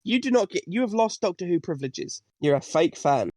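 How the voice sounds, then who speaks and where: A man's voice: high voice, big pitch swings, brisk, a little mellow, dry recording. A young man on a podcast panel, teasing and playful in casual chat. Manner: teasing, playful, mock-outraged.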